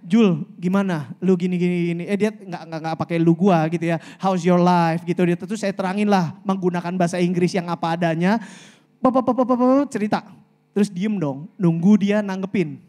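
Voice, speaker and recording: A woman giving a lively faith talk to a community gathering, talking fast, pleading with listeners, telling stories and slipping into English phrases. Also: sits high. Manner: pleading and storytelling. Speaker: community speaker. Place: meeting hall.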